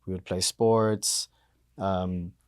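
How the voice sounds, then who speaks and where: Man, 30s, from Miami. Low voice, dry close recording. Relaxed, rambling storyteller. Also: extremely slow, smooth, no echo. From Miami, Florida. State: banged up from hockey. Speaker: guest. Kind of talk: casual interview talk.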